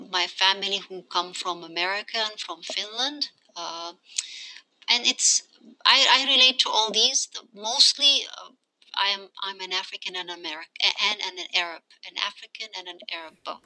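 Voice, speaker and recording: A woman's voice: medium pitch, moderate pace, bright, forceful tone, low-quality recording. A woman in her forties, raised in Egypt, speaking as an academic guest on a podcast in a thoughtful, hesitant way with many fillers. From Somalia, raised in Egypt. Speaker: guest, associate professor. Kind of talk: podcast interview.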